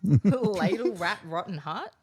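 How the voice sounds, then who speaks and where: A woman's voice: medium pitch, lively intonation, takes it slowly, husky. A woman co-hosting a podcast in casual chat, giggling and humming playfully during a word game. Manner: giggly, sings and hums playfully. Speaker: podcast co-host.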